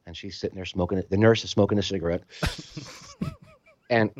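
A man telling a story in casual conversation, animated and acting out other people's voices, in a slightly muffled recording. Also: low voice, normal speed, dry recording. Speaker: storytelling guest musician.

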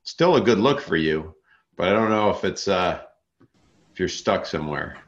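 A man with a very low voice, heard over a video call. He interviews casually, teasing a little and tripping over his own restarts. The audio sounds dull and lo-fi. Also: lively intonation, normal speed.

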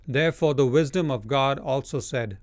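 A man preaching a sermon in a blunt, scolding way. He reads scripture verses slowly and then presses his point hard. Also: medium pitch, a little mellow, no room sound.

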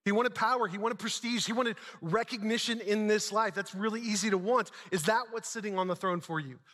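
A man's voice: high-pitched, brisk, a bit bright. A man preaching a conversational church sermon in informal, slangy wording, emphatic, with repeated phrases and rhetorical questions. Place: large reverberant indoor church space. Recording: hall reverb on the voice.

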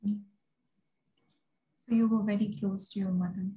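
Female interviewer, soft-edged mellow tone, mid pitch, conversational questioning. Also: steady tone, slow pace, slight background noise, rough recording.

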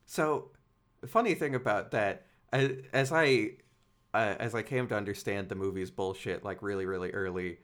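A man's voice: lowish voice, moderate pace, a bit bright. A man appearing as a guest on a movie podcast, making dry, wry remarks in casual chat.

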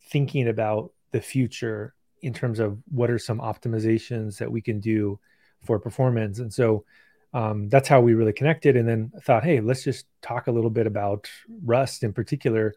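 A man hosting a live stream interview, asking questions in a relaxed, conversational way with some fillers. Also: medium pitch, moderate pace, no echo, clean studio sound. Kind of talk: casual interview.

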